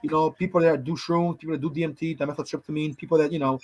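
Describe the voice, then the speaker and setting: A man with a high voice co-hosts a casual podcast and talks at a rapid clip. He rambles through his points and drops "bro" into nearly every thought. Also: fairly even intonation, darkish tone, rough recording. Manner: rambling, fast, says "bro" a lot. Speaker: podcast co-host. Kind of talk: casual chat.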